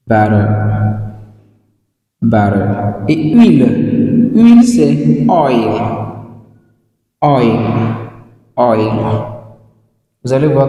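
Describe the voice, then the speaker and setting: A man with a West African French accent teaching English vocabulary, repeating each word slowly and carefully. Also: mid-range voice, warm tone. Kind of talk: slow vocabulary lesson. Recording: very echoey room with long reverb.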